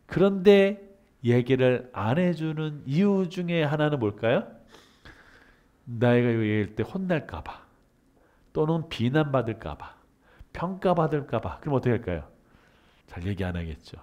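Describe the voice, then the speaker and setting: A man's voice: medium pitch, moderate pace, pauses often, dull audio. Korean guy giving a lecture, voice swings up and down a lot, answers his own questions. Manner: asks questions and answers them himself; acts out everyday dialogue in lively voices. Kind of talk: humanities lecture.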